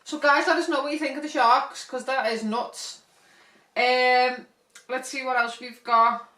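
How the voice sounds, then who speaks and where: Bright, giggly woman podcasting. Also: high-pitched, a little slow. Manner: giggly, animated storyteller. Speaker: podcast co-host. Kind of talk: casual chat. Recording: roomy, from a distance.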